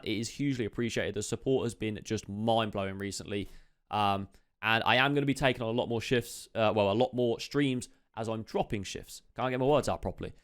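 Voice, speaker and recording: Here a man streams a loot guide, talking casually and cheerfully while dropping brief comments for his viewers. His pitch is medium and his tone fairly bright, with a touch of chestiness and the odd cough.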